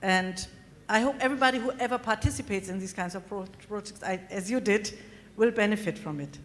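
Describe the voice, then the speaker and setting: A woman on a conference panel answering audience questions in a measured, thoughtful way. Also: medium pitch, slight background noise. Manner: measured, thoughtful, some pauses. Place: conference hall. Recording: long hall reverb, faint ambience.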